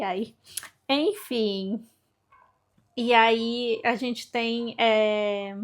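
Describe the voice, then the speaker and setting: Woman, casual study vlog, slightly high voice, slow unhurried pace, chatty, self-deprecating. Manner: chatty, self-deprecating, thinking aloud while reading Russian. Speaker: book vlogger.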